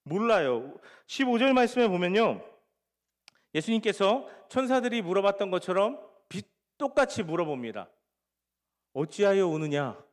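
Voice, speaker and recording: A man's voice: sits high, sing-song, moderate pace. A male pastor preaching a sermon to a young congregation, asking them questions and acting out the scripture scenes. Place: church sanctuary. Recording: long hall reverb.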